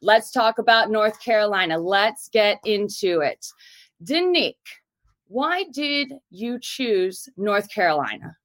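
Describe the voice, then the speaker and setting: A woman's voice: medium pitch, lively intonation, slow, fairly bright tone, no echo. A woman hosting an interview, welcoming guests and asking them questions in an upbeat way. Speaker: recruiter, interview host.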